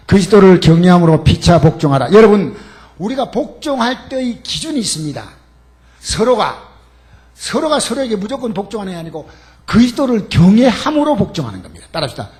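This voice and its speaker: An older man preaching a Sunday sermon as pastor, emphatic and animated, calling out to the congregation and mixing in humorous asides. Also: high voice. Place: church sanctuary.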